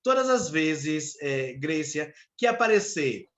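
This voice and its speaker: A man's voice: a little high, sing-song, slow, fairly bright tone, slight background noise. A man with a Brazilian Portuguese accent, teaching an online class, explaining rules step by step and checking in with his students. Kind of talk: live online class lecture.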